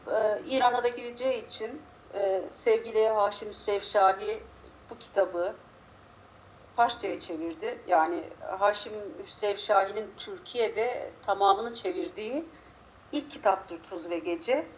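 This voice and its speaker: A woman poet, slightly unwell, speaks unhurriedly in a medium-pitched voice that sounds a bit muffled and strained. The conversational interview includes a poetry reading, with clear background noise in the recording.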